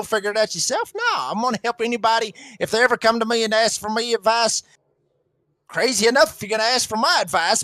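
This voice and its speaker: Male co-announcer, folksy rambler, high and bright. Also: no room sound. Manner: rambling, heavy with fillers, folksy. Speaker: racing league announcer. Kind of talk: casual race broadcast banter.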